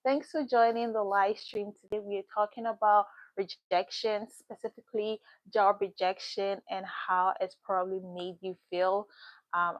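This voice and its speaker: A young Ghanaian woman hosts her own live stream, chatting casually and reading out viewer comments as she goes. Her mid-range voice comes through with no echo in a dull, dry, lo-fi recording.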